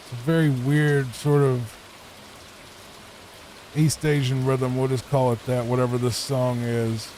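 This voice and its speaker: A man with a Virginia accent giving soft, rambling gameplay commentary meant to help listeners sleep, recorded on a microphone in a home room. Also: medium pitch, level tone, unhurried, pauses often, slight background noise, low-quality recording. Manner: laid-back, rambling. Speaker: gameplay channel host. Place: home room, not a booth. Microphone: studio microphone with added EQ.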